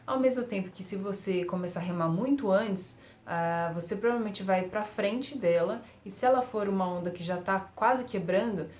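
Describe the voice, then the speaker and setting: A woman's voice: medium pitch, darkish tone, reverberant. A young woman giving surfing tips in a casual, chatty way, often laughing at herself and using fillers. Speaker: surf vlogger. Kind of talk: casual tutorial talk.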